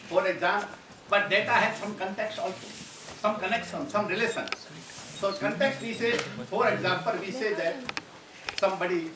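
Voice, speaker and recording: A man giving a university lecture, rambling and restarting his phrases. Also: high-pitched. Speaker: guest lecturer. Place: lecture hall. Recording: roomy, distant mic, audible background noise.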